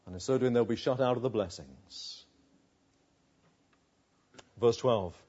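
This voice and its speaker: A man's voice: mid-range voice, a little slow, husky. A man preaching an expository sermon, telling the story dramatically and voicing the people in it. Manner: dramatic storytelling, voicing quoted figures, swings from loud emphasis to soft asides. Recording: dull lo-fi recording.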